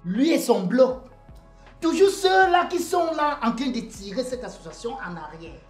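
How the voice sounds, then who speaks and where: A woman's voice: on the high side, big pitch swings, normal speed, reverberant, faint music behind. A woman in a comedy sketch, talking in a heated, accusing, commanding way.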